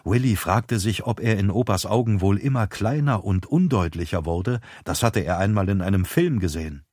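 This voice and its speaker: Low-voiced man narrating an audiobook. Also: expressive, moderate pace, darkish tone, no echo, clean studio sound. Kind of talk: scripted narration.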